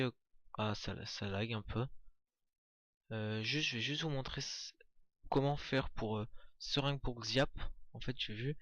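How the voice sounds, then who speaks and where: A man talks through a game walkthrough in a casual, chatty way, often pausing on fillers and restarting his sentences. His voice sits at an ordinary middle pitch. The sound is dry and close, with no room echo. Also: a bit bright. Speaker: gameplay commentator. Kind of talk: casual gameplay walkthrough commentary.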